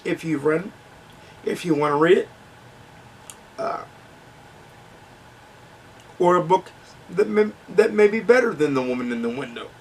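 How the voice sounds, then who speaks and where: A man's voice: fairly high pitch, lively intonation, measured pace, pauses often, breathy edge, distant mic. A man giving a frank, conversational book review with ums and restarts, his voice starting to crack.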